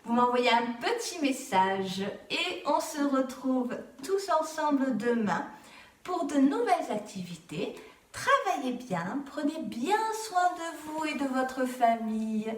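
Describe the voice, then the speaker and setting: Slow, high-voiced woman teacher, roomy sound. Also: sing-song, far from the mic. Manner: patient, keeps asking "d'accord?". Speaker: kindergarten teacher. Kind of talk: home-schooling video lesson. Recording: roomy sound, voice set back from mic.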